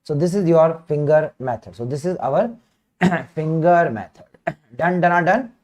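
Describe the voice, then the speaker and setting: Higher-pitched north Indian man teaching. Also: unhurried, a little mellow, highs cut off. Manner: repeats phrases, checks in with students; frequent throat clearing. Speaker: medical teacher. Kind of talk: informal live online lecture.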